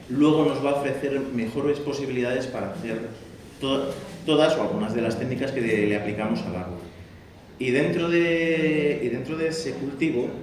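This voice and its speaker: A man giving a public talk on bonsai growing, explaining with many pauses and fillers. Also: medium pitch, darkish tone. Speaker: bonsai speaker. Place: exhibition hall. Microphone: far from the mic. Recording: very echoey hall, far-off mic, faint noise.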